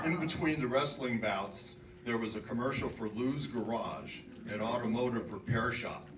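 A man in his seventies talking casually to an audience from an open mic stage, chatty and self-deprecating with a handheld mic. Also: medium pitch. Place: auditorium stage. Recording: echoey hall, from far off, noisy.

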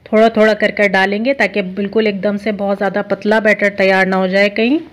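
A woman hosting a home cooking video, explaining each step of a recipe in a steady, instructive way. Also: mid-range voice, brisk. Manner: steady, instructive, repeats steps. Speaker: cooking show host. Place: home kitchen.

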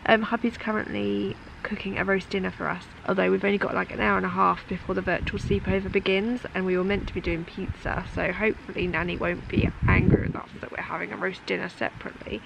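A woman's voice: medium pitch, fast talker, creaky, hardly any pauses. A British woman chatting to camera at home in a casual, reflective vlog. She is a mother, and she fills her speech with "like". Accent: British English. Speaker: family vlogger and mother. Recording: dull lo-fi home video with steady background noise.

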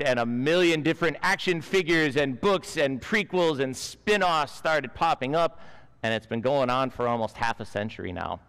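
A man in his forties delivers a school chapel sermon in an earnest storytelling manner, on a headset mic. His voice sits at an ordinary middle pitch. It rings out with the long reverb of a large chapel. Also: fairly bright tone. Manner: earnest storytelling, gesturing with both hands. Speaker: school chaplain preaching. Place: school chapel stage with a lectern.

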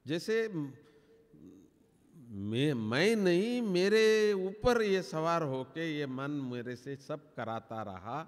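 A man gives a spiritual class at an unhurried pace, telling stories and acting out the back-and-forth of his own inner dialogue. His voice sits a little high for a man, and a long reverb trails every phrase, as in a large hall. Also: very animated. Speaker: spiritual teacher.

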